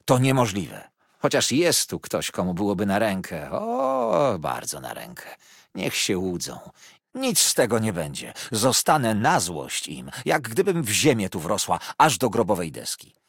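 A fiery, devoted old servant woman, put on by a male reader in a storybook. She bursts out with raised, emphatic, indignant exclamations over a lively, swooping pitch. The voice is slightly husky and close to the mic in a dry room. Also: measured pace, dry recording, heavily acted.

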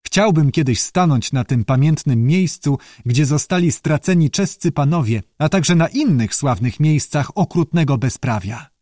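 A man's voice: a little high, animated, normal speed, few pauses, a little mellow, no echo, clean studio sound, voice pushed up, lightly acted. A man voicing a courteous, bookish male newt who speaks earnestly and formally in an audiobook. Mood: courteous, eager. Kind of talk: audiobook character voice.

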